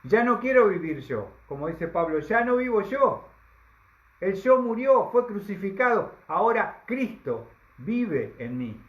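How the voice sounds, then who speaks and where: A high-pitched man preaches with emphasis, dragging out key phrases and tossing rhetorical questions to the congregation. His voice rings through a reverberant hall. The recording sounds dull and lo-fi. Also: big pitch swings, unhurried. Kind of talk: sermon.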